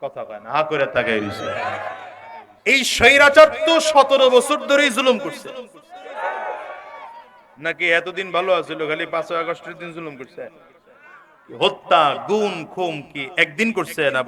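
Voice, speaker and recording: Man, preacher, sermon, high voice, calls out to the crowd. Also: animated, normal speed, pauses often, background noise. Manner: calls on the crowd to answer loudly, swings between shouting and low asides. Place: large gathering with a crowd.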